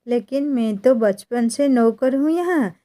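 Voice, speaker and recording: A woman's voice: fairly high pitch, a little slow, dark tone, no echo, lightly acted. A woman voicing a timid young male servant in a read-aloud story, anxious and humble. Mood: worried.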